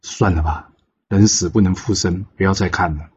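A man's voice: sits low, moderate pace, slight background noise, lightly acted. Brief: level-headed immortal elder sister read by a male narrator, dull lo-fi recording. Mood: soothing. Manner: calming, reasoning.

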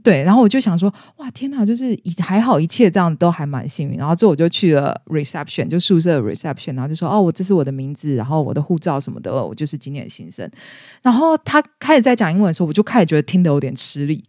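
A young woman in her twenties chats at a brisk clip on a podcast and tells a personal story. She acts out the quoted lines in bright, raised voices. Her voice sounds close and dry. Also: low-pitched, expressive, no echo. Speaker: podcast co-host. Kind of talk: casual storytelling chat.

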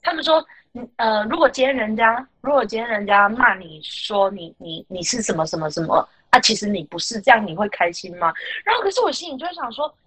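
Woman, podcast host, casual chat, animated, indignant, fillers, slightly high voice, dry close sound. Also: a little fast, breathy edge, no room sound, rough recording.

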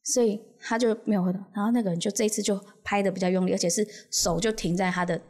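A woman with a Taiwanese Mandarin accent, hosting a podcast and telling a spooky story in a casual, animated way, often laughing as she goes. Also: medium pitch, quick pace. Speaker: podcast host.

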